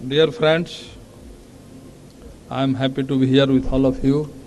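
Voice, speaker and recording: A man's voice: medium pitch, level tone, measured pace, darkish tone, a little hiss or hum, poor audio. An older man with an Indian English accent giving a formal speech to an audience, earnest and lecturing. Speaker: invited speaker.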